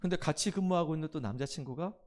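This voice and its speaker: A middle-aged man preaching a sermon as pastor, switching from emphatic preaching to soft personal storytelling. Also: on the high side, very fast.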